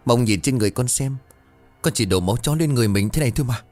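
A man's voice: medium pitch, lively intonation, rapid-fire, a little mellow, faint music behind, pitched above the performer's own voice, lightly acted. A man voicing a frightened young male servant who stammers and pleads in panic. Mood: terrified pleading.

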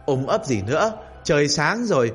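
A man voicing an old great-grandfather spirit, gruff and bantering in a husky voice. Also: fairly high pitch, very animated, moderate pace, faint music behind.

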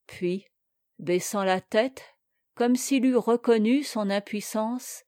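A woman reading a classic tale aloud in a measured, expressive way. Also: fairly high pitch, dry recording, clean studio sound. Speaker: audiobook narrator. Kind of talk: storybook reading.

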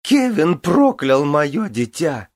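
A man's voice: fairly high pitch, big pitch swings, slow, no echo, clean studio sound, pitched above the performer's own voice. A man voicing a hysterical young queen who screams accusations in an audiobook. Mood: shrieking.

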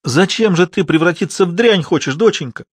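A man voicing a stern heavyset mother who scolds her daughter loudly and breaks into wailing laments. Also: a little high, animated, normal speed, slightly rough, dry recording, voice pushed up. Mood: lamenting.

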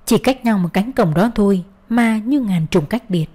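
A woman tells a first-person audio story with a bitter, hurt edge to her voice. Her pitch sits mid-range for a woman, and the delivery is steady storytelling. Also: moderate pace, husky. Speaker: narrator.

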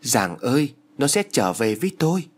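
A man's voice: mid-range voice, animated, moderate pace, lightly acted. A man voicing a grieving village mother who cries out for her lost daughter. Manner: cries out, pleading and overjoyed.

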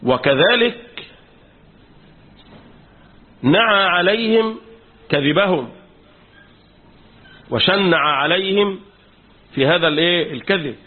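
Husky Egyptian sheikh quizzing his class. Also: fairly high pitch, expressive, measured pace, long pauses. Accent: Egyptian Arabic. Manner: quizzes the class with fill-in questions. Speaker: sheikh teaching Quran commentary. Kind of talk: classroom lecture. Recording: tinny phone-like recording.

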